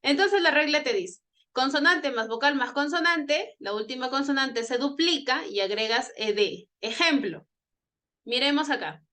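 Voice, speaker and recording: This online English grammar teacher, a native Spanish speaker, has a high-pitched, animated, pushed and bright voice at a moderate pace. She explains things patiently, says them again, and keeps checking in with her class.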